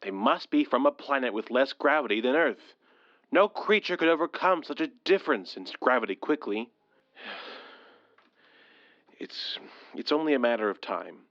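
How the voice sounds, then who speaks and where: In a modern audio drama, a male actor plays a shaken husband who survived an alien invasion, stubbornly brushing things off and insisting in halting phrases that all is fine. His medium-pitched, fairly bright voice is animated, anxious, and insistent, broken by breathy sighs. The recording is muffled but has no echo.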